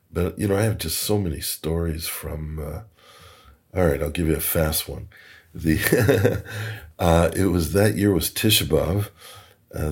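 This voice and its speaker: A man with a rumbling low, darkish voice and a breathy edge appears as a podcast guest in Toronto. He tells anecdotes chattily, chuckling and repeating words as he hunts for them.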